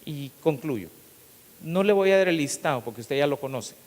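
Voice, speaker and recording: A middle-aged man, a pastor, preaching an animated sermon and acting out the people in his stories. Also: on the high side, moderate pace. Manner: animated storytelling, acting out quotes, rising to loud emphasis. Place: church hall. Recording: long hall reverb with faint hiss.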